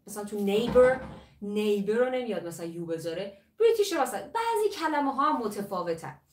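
A woman English teacher giving a lively live lesson, mixing Persian and English and drilling the pronunciation of words. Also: fairly high pitch, far from the mic, a little hiss or hum. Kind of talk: live online language lesson. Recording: roomy echo, voice from off the mic.

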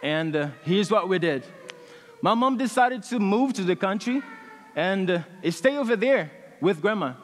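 This young Brazilian man in his twenties, a native Portuguese speaker and student, shares a testimony with the congregation from a large church hall on a headset mic. His voice sits high and sounds animated, though still earnest and halting with frequent fillers.

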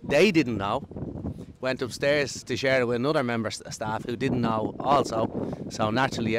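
Middle-aged man over clear street noise. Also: lowish voice. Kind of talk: street vox pop interview. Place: outdoors at a shop entrance. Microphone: handheld interviewer's microphone.

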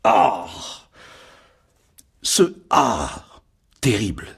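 A man narrating a dramatic story in an expressive, theatrical reading. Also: lowish voice, very slow, creaky, slightly rough.

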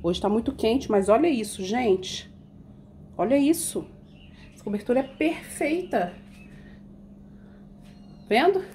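A woman's voice: fairly high pitch, animated, unhurried, dark tone, slight background noise. A woman chatting to her viewers while decorating a cake in her home kitchen, explaining each step. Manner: chatty, addresses viewers as "gente". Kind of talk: casual baking tutorial.

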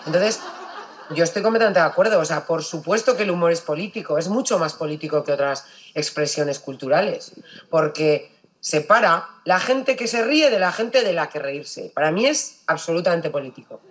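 A woman's voice: fairly low pitch, lively intonation, moderate pace. A woman with a Basque Spanish accent, speaking emphatically and bluntly as a panelist in a discussion. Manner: emphatic, blunt, casually profane.

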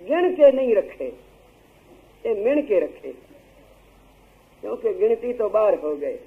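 High-voiced preacher, tinny sound. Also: male voice. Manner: preaching, acts out voices of story characters. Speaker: Sikh preacher. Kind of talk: storytelling religious discourse. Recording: tinny phone-like lo-fi recording.

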